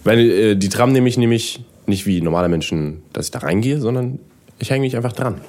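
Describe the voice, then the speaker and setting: Dry-humored man, animated. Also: lowish voice, fairly quick. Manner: dry, teasing jokes. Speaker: podcast co-host. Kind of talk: casual podcast banter.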